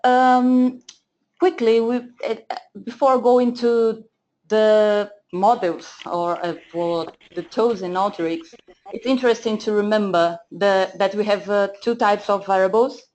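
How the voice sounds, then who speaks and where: Off camera during a screen-share lesson, a Portuguese-accented data analytics trainer talks through her slides with frequent fillers and restarts. Her mid-range voice is steady, measured in pace and a little mellow, though the audio quality is poor.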